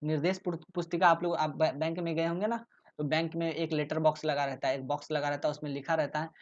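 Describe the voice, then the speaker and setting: A man's voice: a little high, steady tone, fast talker. Man tutoring casually, dull lo-fi sound. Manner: explains with rhetorical questions, often adds "ठीक है". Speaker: tutor explaining exam topics. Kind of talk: casual lecture.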